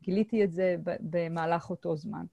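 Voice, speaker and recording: A middle-aged woman lectures on her historical research at an online seminar. She talks hesitantly, often pausing on filler sounds and restarting phrases. Her voice is warm and mellow, and the sound is dry and close through a video call mic. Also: lowish voice, fairly even intonation, gravelly, husky, dry recording, dull audio. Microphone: computer mic on a video call.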